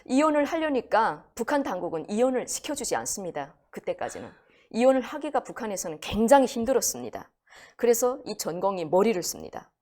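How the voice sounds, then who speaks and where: A woman's voice: medium pitch, brisk. A woman telling a crime story in a conversational way, acting out the quoted voices. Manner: animated, acts out quoted voices. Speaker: guest storyteller.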